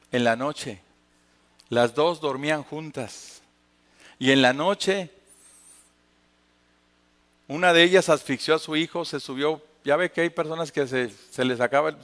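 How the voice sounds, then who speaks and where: A middle-aged man with a northern Mexican accent preaching a sermon, acting out voices and swinging between loud cries and hushed words. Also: mid-range voice, long reverb tail. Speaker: pastor.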